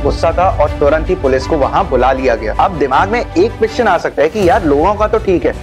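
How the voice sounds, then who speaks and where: High-voiced young man narrating explainer. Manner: brisk storytelling, English words mixed in. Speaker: explainer video host. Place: indoor studio, plain backdrop. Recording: clear music bed underneath. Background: background music.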